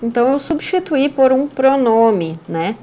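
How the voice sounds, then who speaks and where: A woman's voice: sits high, animated, unhurried, warm tone, highs cut off. A woman teacher, explaining grammar over slides and checking in often with the class. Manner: patient, checks in often with "né?" and "certo?".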